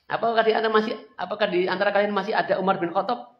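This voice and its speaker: A man voicing a boastful enemy commander who shouts proud taunts across a battlefield. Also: high-pitched, steady tone, rapid-fire, echoey room, soft background music, pitched above the performer's own voice, lightly acted. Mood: boastful shouting. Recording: dull lo-fi lecture recording.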